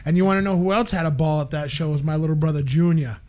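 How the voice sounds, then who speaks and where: A man tells a story in a relaxed podcast chat. He acts out what people said and shouts at the peaks. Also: on the high side, quick pace, highs cut off. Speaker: podcast co-host.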